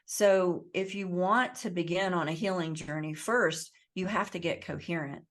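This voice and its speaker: With a lowish voice and a moderate pace, a Southwest US-based author talks as a guest in an interview. Her manner is earnest and coach-like, and she performs the voices of the people she quotes.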